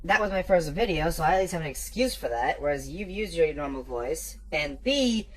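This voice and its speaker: A woman's voice: low voice, lively intonation, normal speed, poor audio. A woman co-hosting a video commentary, blunt, critical and dismissive. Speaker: commentary co-host.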